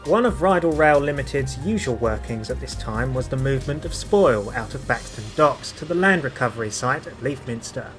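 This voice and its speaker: A man reading scripted documentary narration in a measured way, spelling out numbers and initials precisely. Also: mid-range voice, expressive, a bit bright, faint music behind. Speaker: video narrator.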